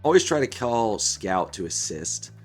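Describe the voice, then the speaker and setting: A man in his thirties with a hoarse, failing voice, giving casual game commentary as host of a gaming video. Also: fairly low pitch, sing-song, unhurried, soft background music. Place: small room indoors at a desk.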